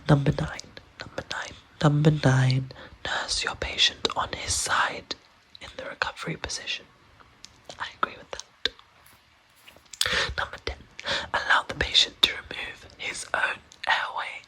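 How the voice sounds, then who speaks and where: Someone reading aloud for ASMR in a breathy, unvoiced whisper, softly repeating words and phrases and adding casual asides. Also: medium pitch, level tone, a little slow, long pauses, low-quality recording. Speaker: ASMR host reading a medical handbook aloud.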